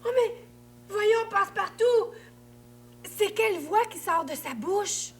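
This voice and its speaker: A woman's voice: very high-pitched, lively intonation, slow pace, exaggerated voice. A woman with a Québécois accent playing a playful, somewhat stubborn young character on a children's TV show, speaking emphatically. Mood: insistent. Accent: Québécois French. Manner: emphatic, insistent. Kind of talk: children's TV acting.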